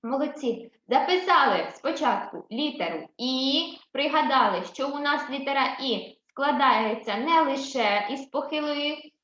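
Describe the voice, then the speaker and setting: High-pitched ukrainian lady teaching little kids, slow and patient, echoey kinda muffled sound. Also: lively intonation, fairly bright tone. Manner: encouraging, often asks "так?" and praises the children. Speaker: first-grade teacher. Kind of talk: slow, patient classroom instruction. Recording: roomy, slightly dull recording.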